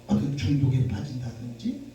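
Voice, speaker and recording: Man preaching, pastor, lively swooping pitch, booming church echo, picked up from a distance, faint hum. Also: moderate pace, dull audio. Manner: animated, call-and-response preaching with rising shouts. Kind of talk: sermon. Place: church sanctuary.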